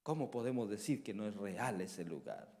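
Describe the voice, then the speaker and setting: A male evangelist preaching a sermon with passion, dropping to hushed murmurs and then rising to loud cries, often putting questions to the congregation. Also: lowish voice, very animated, moderate pace.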